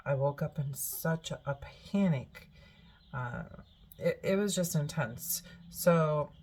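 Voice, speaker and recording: A middle-aged woman telling a story to camera as a prepper vlogger, earnest and rambling, often restarting her sentences. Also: low voice.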